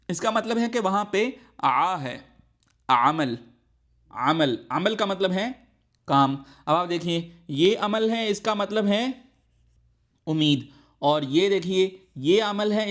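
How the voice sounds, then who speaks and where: Male language tutor, higher voice, patient and repetitive, demonstrates sounds aloud. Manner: patient, often checks in with the learner; slowly demonstrates sounds, repeating them aloud. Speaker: Arabic teacher. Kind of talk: recorded language lesson.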